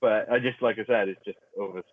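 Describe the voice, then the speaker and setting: A man's voice: on the low side, steady tone, fast. Sex: man. Style: rambling casual chat as a podcast co-host, laughing easily and restarting words, heard over a bad call connection. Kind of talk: casual chat among friends. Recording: tinny phone-like call audio, dry.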